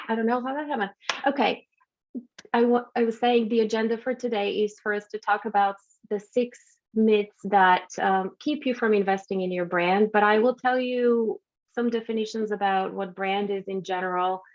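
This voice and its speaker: A woman from Bulgaria giving a friendly branding talk over a video call, with frequent restarts and fillers. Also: medium pitch. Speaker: guest speaker. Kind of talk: branding presentation on a video meeting. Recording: dull lo-fi video call audio.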